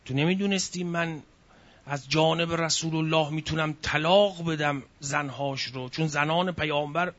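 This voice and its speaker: High, bright-voiced male preacher. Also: steady tone. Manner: emotive storytelling, sighs and cries out. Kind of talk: religious sermon storytelling. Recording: dull lo-fi recording.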